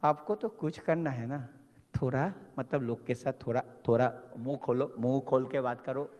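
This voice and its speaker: This man's mid-range, slightly mellow voice comes at a normal speed, and the audio sounds dull with a long hall reverb. He is a motivational speaker exhorting a business seminar audience in a large hall, preacher-style, switching between Hindi and English and performing quotes with emphasis.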